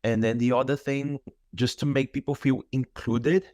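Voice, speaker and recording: A Brazilian fitness instructor in his thirties, a Portuguese speaker, chats thoughtfully in a casual interview, using lots of fillers. His medium-pitched voice is steady, a little mellow and at normal speed, recorded cleanly in a studio with no echo.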